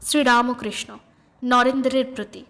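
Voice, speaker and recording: A woman reading a devotional scripture aloud as an audiobook, in a slow, measured recitation. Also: a little high, fairly even intonation, a bit bright. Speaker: audiobook reader.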